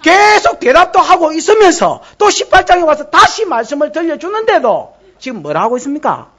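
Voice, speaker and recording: A woman pastor with a Gyeongsang accent preaching a lively, teasing sermon to her congregation during a church service. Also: high-pitched, brisk. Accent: Gyeongsang Korean. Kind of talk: expository sermon.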